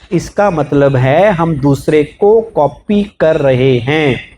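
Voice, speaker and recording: High-voiced man giving a motivational talk. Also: very slow, a little hiss or hum. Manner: asks the audience rhetorical questions, calls for raised hands; explains with everyday examples, lively. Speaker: spiritual speaker. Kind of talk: motivational talk to a live audience.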